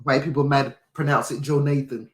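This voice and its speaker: A man's voice: a little high, measured pace. Indignant man reading news, echoey room. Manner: indignant, repeats phrases for emphasis. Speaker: podcast host. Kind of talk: reading and commenting on a news article.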